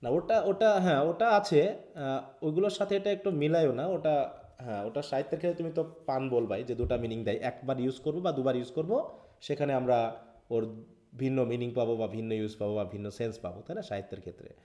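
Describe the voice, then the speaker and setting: A man's voice: medium pitch, quick pace, dark tone. Bangladeshi man teaching linguistics, echoey room. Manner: explains step by step, mixing English terms, asks students questions. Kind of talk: live online class lecture.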